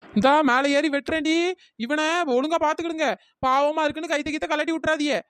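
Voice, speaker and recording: A woman's voice: high-pitched, fairly even intonation, brisk, natural voice. Voiced as a bold, scolding young village woman. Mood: bossy. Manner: sharp, scolding. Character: bold young woman climbing a palm tree, bossy. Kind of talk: cartoon voice acting.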